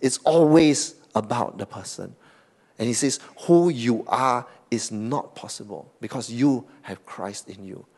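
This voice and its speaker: Delivering a sermon, this Singaporean pastor speaks at a medium pitch and a slightly slow pace. He's animated, shifting between forceful emphasis and quiet asides, and frequently ends lines with "right?" or "okay?".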